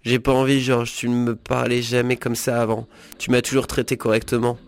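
A man voicing a weary woman who drinks and is bitter about her ex, read flatly in his own voice. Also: mid-range voice, a little fast, close to an everyday voice.

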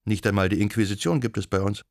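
A man's voice: fairly low pitch, quick pace, no echo, clean studio sound, lightly acted. A man reading an audiobook voices a young, timid widowed innkeeper, talking in an earnest, chatty, slightly plaintive way. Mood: proud.

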